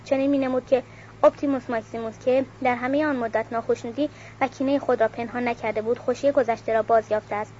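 A woman reading a novel aloud at a measured pace, announcing page numbers, on a dull recording with faint hiss. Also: a little high, fairly even intonation, a little mellow. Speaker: audiobook reader.

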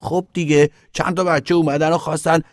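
A man voicing an excited young boy who eagerly retells a fight, in an audiobook reading. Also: on the high side, no room sound, studio quality, voice pushed up, lightly acted. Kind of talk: audiobook character voice.

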